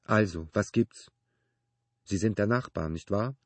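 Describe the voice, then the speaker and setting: A laid-back mechanic with a deep, husky voice, as a male narrator plays him, chatting offhandedly in loose everyday speech. It is read close and dry, like an audiobook. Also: unhurried, dry recording. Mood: offhand. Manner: relaxed, offhand colloquial talk.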